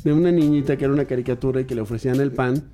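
A man's voice: mid-range voice, steady tone, music in the background. A man with a Mexican accent, a podcast co-host who teases and jokes in casual chat. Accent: Mexican Spanish. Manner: teasing, playful, quick to joke.

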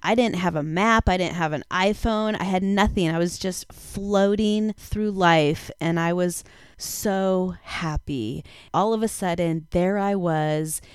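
Frank, smooth-voiced woman in her forties. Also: lowish voice, slow, dry recording, studio quality. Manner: confessional and frank, casual swearing. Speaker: podcast host. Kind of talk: candid personal storytelling.

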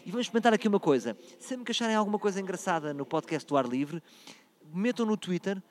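A man's voice: sits high, animated, quick pace. A man from Portugal with a European Portuguese accent, hosting a comic podcast and playfully reading phrases in a mock-Italian voice. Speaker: podcast host. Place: out and about, travelling.

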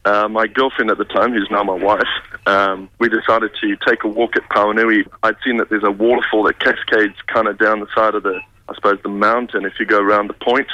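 A man's voice: on the low side, little pitch movement, a little fast, pushed and bright. A man with a New Zealand accent calling a radio show by phone and casually telling a story. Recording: dull phone line.

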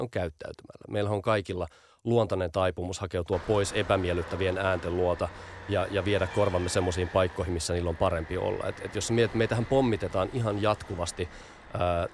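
Deep guy with a gravelly voice explaining stuff on a podcast, lots of little repeated fillers. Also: fairly even intonation, slight background noise. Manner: explanatory, repeats small fillers while thinking. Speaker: guest, audio branding expert.

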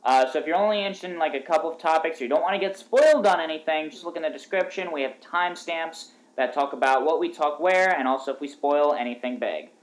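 A man's voice: a little high, fast, hardly any pauses. Man hosting a podcast, muffled as if underwater. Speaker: podcast host. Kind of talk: casual group chat. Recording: muffled underwater-like audio from failing microphone.

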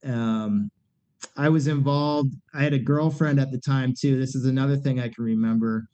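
On a dull, lo-fi podcast recording, a middle-aged punk singer chats casually as a guest, talking openly and meandering through many fillers and false starts. His voice is nasal and dark, medium in pitch, with fairly level intonation at a normal speed.

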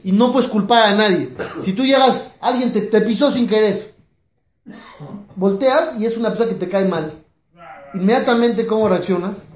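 A man's voice: high-pitched, moderate pace. A man, a rabbi giving a class who asks his listeners questions and acts out the people in his stories with humor. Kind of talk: Torah class lecture. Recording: echoey room.

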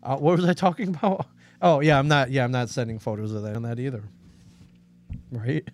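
A man's voice: mid-range voice, fairly even intonation, fairly quick, darkish tone. A man co-hosting a podcast in casual chat, rambling and joking at his own expense. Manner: rambling, joking, self-deprecating. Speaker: podcast co-host.

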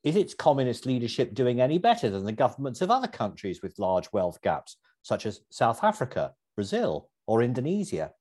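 Male podcast host, animated pitch, husky tone, scripted intro then questions. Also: fairly quick, few pauses. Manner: lively, articulate questioning.

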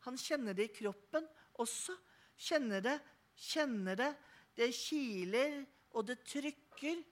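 A woman reading a children's book aloud in an expressive, playful storytelling manner. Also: a little high. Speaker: reader.

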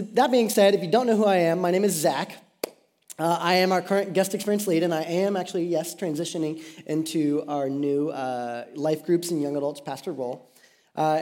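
A young man from Ohio delivers a Sunday sermon from a church stage. His voice sits fairly high, and he talks in an easygoing, conversational way, full of fillers and jokes at his own expense. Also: a little mellow, big-room sound. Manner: casual, chatty, self-deprecating, many fillers. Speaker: pastor.

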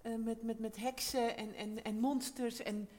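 High-voiced, hesitant questioning woman. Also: level tone, a little slow, noisy background. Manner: inquisitive, hesitant, stammering questions. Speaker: audience member interrupting the show. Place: live theatre.

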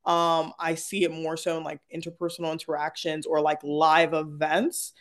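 Man, slightly high voice. Emphatic, articulate panel guest in casual, opinionated discussion. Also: monotone, moderate pace, a bit bright. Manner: emphatic, articulate, frequent "like" and "right?".

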